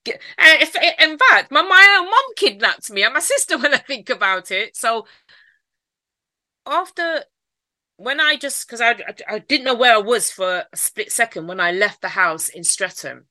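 A woman with a Mancunian accent, from Manchester, England, tells her life story openly in an interview, repeating phrases frequently and now and then laughing. Her voice is fairly high, expressive, bright and forceful, at normal speed. There's no room sound.

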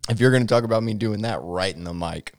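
A man's voice: lowish voice, quick pace, dry recording, studio quality. A man co-hosting a church podcast in casual, playful banter. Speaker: podcast co-host. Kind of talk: casual chat.

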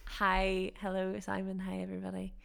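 This podcast co-host is a young adult woman, born in Japan and raised in America, whose accent blends American, Scottish and Northern Irish. She chats casually and self-deprecatingly in a mid-range, monotone voice at a moderate pace, with vocal fry and a smooth, slightly bright sound.

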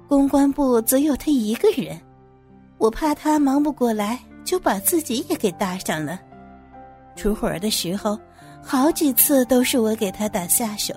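A woman's voice: fairly high pitch, mellow. A woman voicing an angry middle-aged company boss who rants indignantly and curses a former employee, read as part of an audio story. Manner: indignant, cursing, self-pitying ranting.

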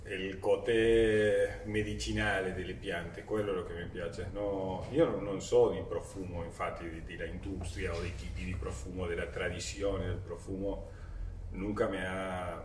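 A man in his forties, a native Spanish speaker with an Argentine accent, talking casually as an interview guest, haltingly searching for words and switching between languages. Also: deep voice, little pitch movement. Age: 40s. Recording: roomy echo, distant mic, faint noise.

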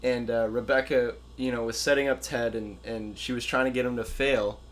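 A man's voice: mid-range voice, moderate pace. A man co-hosting a casual pop-culture podcast, retelling scenes with lots of fillers and restarts. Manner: rambling, filler-heavy, animated retelling. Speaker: podcast co-host. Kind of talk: casual chat.

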